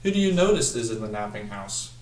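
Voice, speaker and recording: With a fairly low, sing-song voice, a young adult man practicing as a student teacher reads a picture book aloud, slowly drawing out the text and asking young listeners questions in an instructional manner. The setting is a small indoor room at a table. A camera mic a few feet away yields a distant, echoey recording.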